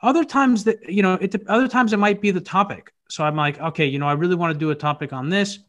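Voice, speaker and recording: A man's voice: high-pitched, quick pace, a bit bright. A man in a casual interview on a video call, talking his answers through thoughtfully with frequent restarts. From United States. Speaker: podcast host appearing as guest.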